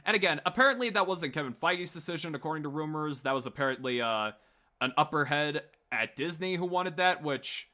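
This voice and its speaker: Brisk and expressive, the host's voice sits on the high side and sounds pushed and bright. He fronts a late-night pop culture commentary show, speaking loosely and opinionatedly in a rambling, stop-start manner with lots of emphasis.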